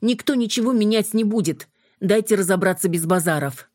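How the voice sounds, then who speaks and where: A woman reading an audiobook, voicing a furious young woman who shouts and curses at vampires with scorn. Her lines are read with a raised, heated delivery. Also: mid-range voice, fairly quick, dry recording, clean studio sound, pitched above the performer's own voice, close to an everyday voice.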